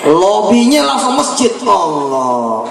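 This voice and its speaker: A man's voice: high voice, very animated, slow pace, creaky, some chatter behind. A man from Indonesia giving a joking, story-filled sermon to a live audience, acting out the voices of the people in his stories. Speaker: preacher. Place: large hall with a live audience. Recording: echoey hall, audience laughter.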